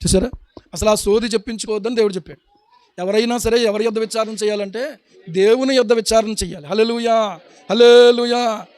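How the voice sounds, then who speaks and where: High-voiced male pastor preaching. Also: fairly even intonation, brisk, a little mellow, smooth, dry recording. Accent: Telugu. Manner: rhetorical questions to the congregation, acts out little scenes. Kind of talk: sermon.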